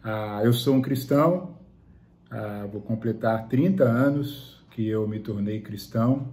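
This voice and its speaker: Measured man in his forties. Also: fairly low pitch, dark tone. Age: 40s. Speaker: interviewee. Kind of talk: testimony interview.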